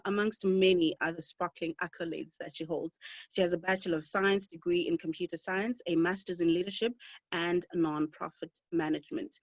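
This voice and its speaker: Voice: mid-range voice, dry recording. Moderator reading formal introductions, dry and muffled audio, some stumbles. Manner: formal, with occasional stumbles and restarts. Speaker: webinar moderator.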